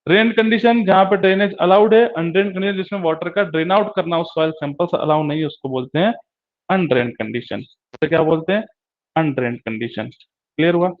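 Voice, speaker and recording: High-voiced man giving a slow lecture. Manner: repeats key terms slowly, asks and answers own questions. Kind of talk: classroom lecture. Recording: dull lo-fi recording.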